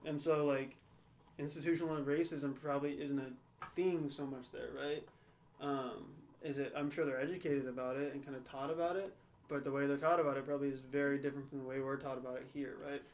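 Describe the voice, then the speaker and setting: In a casual podcast discussion, a young male co-host reasons aloud thoughtfully and with hedges, frequently checking in with "right?" and saying "you know." He speaks fairly quickly in a flat, mid-range, darkish voice over slight background noise.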